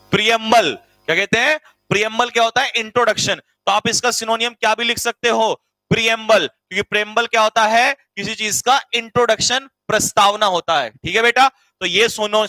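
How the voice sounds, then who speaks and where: A man with a very high, sharp voice teaches a vocabulary class in Hindi, teasing and joking with students he calls beta and bhai. He repeats each meaning so they can write it down. The recording is dry and rough.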